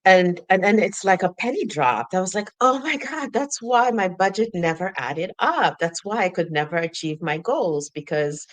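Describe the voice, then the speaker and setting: A woman from Sudan chatting casually on a podcast, animated, laughing often and acting out her own thoughts. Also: fairly low pitch, no room sound. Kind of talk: casual conversation.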